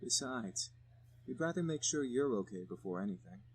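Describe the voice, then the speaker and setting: A courteous, caring young gentleman in a romance game, played by a man. He speaks gently with a slightly husky tone at a middle pitch. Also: expressive, moderate pace. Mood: polite.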